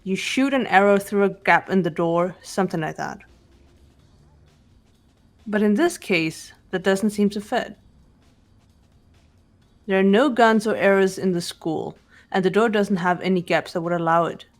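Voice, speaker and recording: A woman voices a composed teenage girl detective from a mystery visual novel, speaking over game music. Her mid-pitched voice is close to an everyday one, and her calm, analytical delivery is deliberate, precise, and lecturing as she lays things out.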